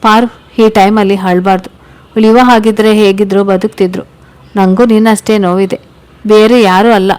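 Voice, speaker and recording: A woman's voice: medium pitch, fairly even intonation, moderate pace, a little mellow, clear, resonant tone, close to an everyday voice. A woman doing Vrushabh, a tender loving husband. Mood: earnest. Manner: soothing, earnest.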